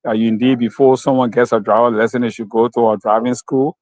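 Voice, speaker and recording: A man from Liberia with a Liberian English accent, answering interview questions slowly and carefully, with many fillers. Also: medium pitch, little pitch movement, a little mellow, no room sound, poor audio. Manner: slow, measured, with many fillers. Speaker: guest, company founder.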